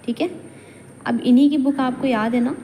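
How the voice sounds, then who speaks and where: A woman's voice: sits high, fairly even intonation, normal speed, mellow. A woman teacher with a Kashmiri accent giving a classroom lecture, chatty and patient, mixing English words into her Hindi. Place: college lecture room. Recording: hall reverb, faint background noise.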